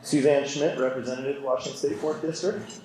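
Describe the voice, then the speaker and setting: A man at a podium microphone emcees a formal civic gathering, reading out names in a steady announcer's manner. His voice carries through a public address system into a very echoey large hall, with a faint hum underneath. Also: medium pitch, a little fast. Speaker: chamber of commerce president and event emcee. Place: large indoor event hall.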